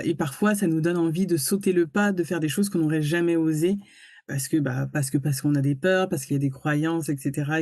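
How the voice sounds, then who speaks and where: A woman hosting an interview, speaking gently and reflectively with frequent pauses and hesitations. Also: sits low, no echo. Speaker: interviewer and host. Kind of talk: warm interview introduction.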